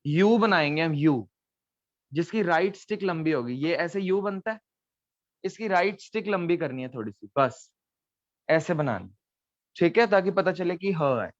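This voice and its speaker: Patient man teaching script, slightly high voice. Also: animated, a little slow, long pauses, no echo, lo-fi sound. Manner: patient, explains step by step, checks with "theek hai". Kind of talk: online Gurmukhi lesson at a board.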